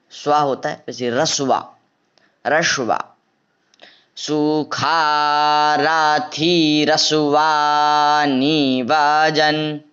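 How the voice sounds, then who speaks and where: A man leads a chanting lesson in a very smooth, resonant voice with a slightly raised pitch. He stretches every syllable into long, slow chant and breaks off for quick explanations of how each sound should be said. The recording is dull and lo-fi. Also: fairly bright tone. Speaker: Vedic chanting teacher. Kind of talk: recitation lesson.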